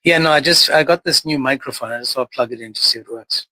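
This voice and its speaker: A man's voice: medium pitch, quick pace, sharp tone. A man in a casual online discussion, heard with a doubled echo from a second device, checking whether the others can hear him. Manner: checking his own audio, asking if he is heard.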